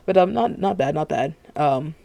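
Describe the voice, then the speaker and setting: Guy streaming at 3am with retainers in, kinda high gravelly voice, rambly and swears a lot. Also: lively intonation, moderate pace, mellow, dry recording. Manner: rambling, profane, self-interrupting. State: talking with retainers in; tired, late at night. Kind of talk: casual reaction commentary.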